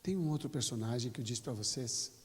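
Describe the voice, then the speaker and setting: A man preaching a sermon as pastor, telling stories and acting out dialogue with sudden loud bursts. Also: medium pitch, a little fast. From Brazil. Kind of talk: sermon with storytelling. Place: church hall. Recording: church hall reverb.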